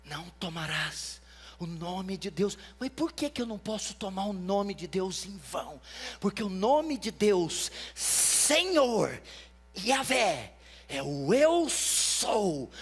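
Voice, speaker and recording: A male pastor delivers a sermon in a strikingly high voice. He speaks slowly and deliberately, repeating points for emphasis and pressing up into shouts as he drives them home. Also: breathy edge. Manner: emphatic teaching, rises to shouts, repeats for stress.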